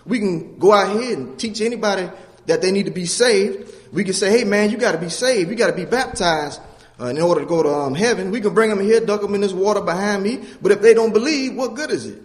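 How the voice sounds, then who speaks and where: A man's voice: high-pitched, quick pace. A man preaching a sermon in a church, earnestly teaching scripture and asking the congregation questions. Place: church with a baptistry. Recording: long hall reverb.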